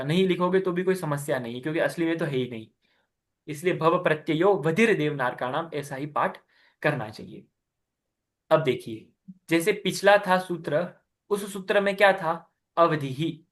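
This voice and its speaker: A male teacher leads an online class, walking his students through each point patiently and repeating the key terms. His voice sits a little higher than most men's. He stops often to quiz them and praise their replies. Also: fairly bright tone. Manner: patient, asks students questions and praises answers. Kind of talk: online class explaining scripture recitation.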